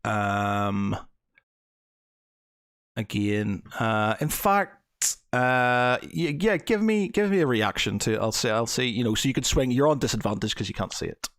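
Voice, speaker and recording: A man's voice: mid-range voice, unhurried, fairly bright tone, no echo. Hesitant male game master, close dry sound. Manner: hesitant, stuttering while thinking. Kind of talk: improvised tabletop game refereeing.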